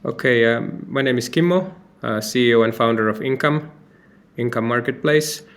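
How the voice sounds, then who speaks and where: A man's voice: mid-range voice, normal speed. A man from Finland, a company founder giving loose, talkative answers in an interview, with many fillers and restarts. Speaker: company founder and CEO, guest.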